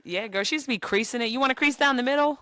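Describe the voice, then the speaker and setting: A woman podcast co-host with a bright, forward voice and a slight lisp. She chats casually and playfully in loose slang, recorded close and dry. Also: fairly high pitch, racing, dry recording.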